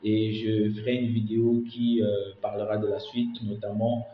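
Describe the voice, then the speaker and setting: A man from Senegal teaching call center job tips in French, often checking in with "d'accord?" and pausing on fillers. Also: fairly low pitch, flat delivery, echoey room, dull audio, a little hiss or hum. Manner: repeats "d'accord?" and "notamment" often, many hesitations. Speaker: call center career coach. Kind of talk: instructional talk to camera.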